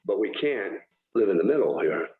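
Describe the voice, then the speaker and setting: A man's voice: deep voice, big pitch swings, moderate pace, roomy sound, slight background noise. A man chairing a council meeting in informal spoken language, heard over tinny, phone-like call audio.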